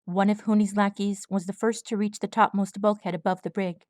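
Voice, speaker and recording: A woman reads a story aloud in an audiobook style, with dramatic, vivid narration. Her voice sits at an ordinary middle pitch. The sound is dry and close, with no room echo. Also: level tone, a little fast, darkish tone. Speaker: audiobook reader. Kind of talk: audiobook reading of fan fiction.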